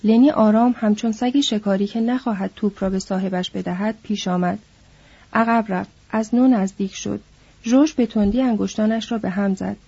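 A woman reading a novel aloud as an audiobook narrator, in a measured, descriptive way. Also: medium pitch, fairly even intonation, vocal fry, warm tone, slightly rough, no room sound. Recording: dull lo-fi recording.

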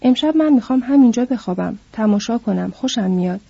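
Brief: woman voicing an impatient scolding worker man, very dark husky tone, dull lo-fi sound. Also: a little high, expressive, no echo, heavily acted. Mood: calmer. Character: small sharp-tempered itinerant worker man, protective. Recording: dull lo-fi recording.

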